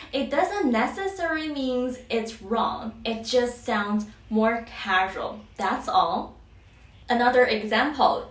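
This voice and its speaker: A woman's voice: fairly high pitch, a bit bright. A woman with a Chinese accent giving a casual language lesson and repeating example phrases twice. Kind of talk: casual video lesson, switching between English and Mandarin examples. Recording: echoey room, voice a bit far from mic.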